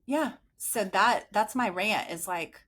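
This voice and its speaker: A woman in her late forties, appearing as a guest on a casual podcast, tells chatty, meandering stories loaded with asides. Her voice is medium in pitch and fairly bright, and she speaks slowly.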